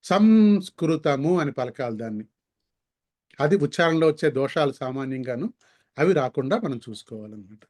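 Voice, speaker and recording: A man teaching a language lesson, slowly sounding out syllables and words to demonstrate pronunciation. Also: mid-range voice. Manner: slow, careful demonstration of sounds. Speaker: Sanskrit teacher.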